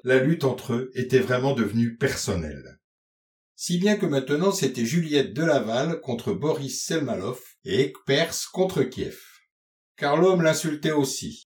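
A man narrating a literary novel aloud in a measured, expressive reading style. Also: mid-range voice. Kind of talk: audiobook reading of literary prose. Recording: roomy echo.

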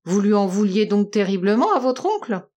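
A woman reading aloud and voicing a shrewd male police investigator who questions calmly and coaxingly. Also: medium pitch, normal speed, close to an everyday voice. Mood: probing. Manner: calm, coaxing, probing.

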